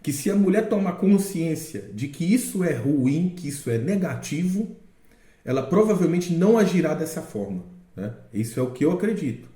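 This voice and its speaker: A man's voice: a little high, sing-song, moderate pace, dark tone. A man hosting a book-reading channel, giving casual spoken commentary and explaining with frequent check-in questions. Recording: echoey room.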